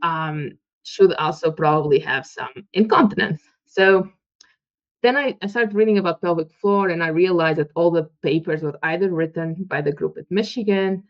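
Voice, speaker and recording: A guest researcher in a casual interview, this woman in her thirties from Portugal has a Portuguese accent and a lowish voice. Animated, she's quick to act out quoted dialogue with laughter. Everything comes through in muffled, lo-fi sound.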